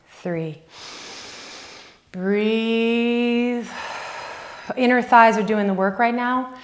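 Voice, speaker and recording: A woman fitness instructor guides a workout from her home, calling out counts and cues at a slow, deliberate pace. Her voice sits in a middle register, and she encourages the viewer as she coaches through each rep. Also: mid-range voice. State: out of breath at times.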